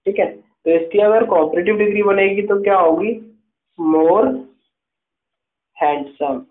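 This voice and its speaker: A man teaching an English grammar lesson, patiently dictating notes and checking in with "okay" as he goes. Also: high voice. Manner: patient, repeats "ठीक है" and dictates slowly. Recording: echoey room over tinny phone-like line.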